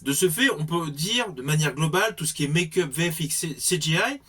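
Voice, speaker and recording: A man's voice: on the high side, lively intonation, a little fast. A man giving a spoken film review in an articulate way with formal wording.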